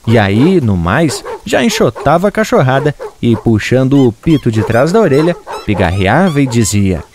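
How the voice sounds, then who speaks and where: A man narrating a regional folk tale in an expressive, rhythmic way. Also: medium pitch, normal speed, background noise. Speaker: storyteller.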